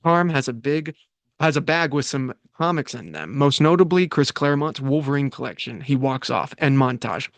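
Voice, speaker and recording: Reading stage directions aloud at a script table read, a man with a gravelly, medium-pitched voice speaks expressively at a normal speed. He stumbles here and there, corrects himself and laughs, and no room sound is audible.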